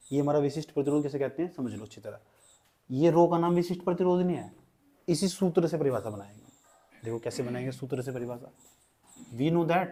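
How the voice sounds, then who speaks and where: A man's voice: a little high, dark tone. A young male physics teacher in a classroom, urging students along, repeating phrases and calling on them by name.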